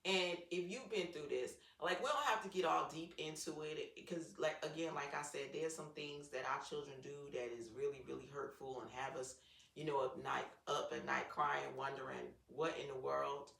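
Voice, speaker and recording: A middle-aged woman co-hosts a podcast and tells lively family stories in a casual way, laughing often. Her voice is low and gravelly. The recording sounds echoey, with the mic placed some way off. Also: moderate pace. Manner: animated storyteller, laughs often. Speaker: podcast co-host. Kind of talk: casual chat. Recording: echoey room, mic at a distance.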